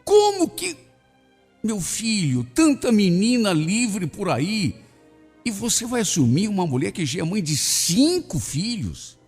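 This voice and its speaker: A man voicing a worried, scolding middle-aged mother in a radio story, with a shrill, exasperated manner. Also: big pitch swings, a little slow, breathy edge, heavily acted. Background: soft music.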